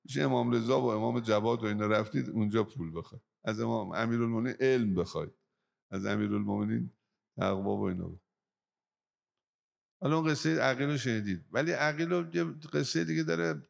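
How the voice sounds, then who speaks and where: Gravelly-voiced male preacher. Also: medium pitch. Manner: emphatic, voice rising on key points; tells moral stories to the listeners. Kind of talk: religious sermon.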